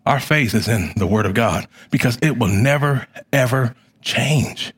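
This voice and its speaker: A man's voice: mid-range voice, measured pace, breathy edge. Fervent male pastor preaching. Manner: fervent, repetitive preaching cadence that swells and drops. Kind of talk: sermon.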